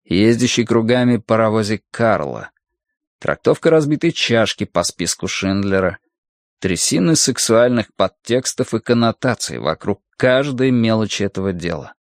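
A male audiobook narrator with a gravelly, mid-pitched voice tells the story at a brisk, even clip. The recording is dry and close-miked, with no room sound around him. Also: no room sound. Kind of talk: scripted narration.

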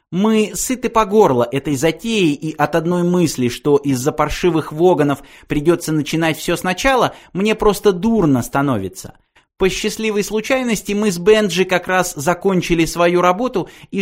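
High, squeaky little male mouse who talks briskly and at length, worn out by his long task, as a male narrator puts him on. The voice stays well above a normal man's pitch and jumps about lively as he explains. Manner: brisk, talkative, fed up.

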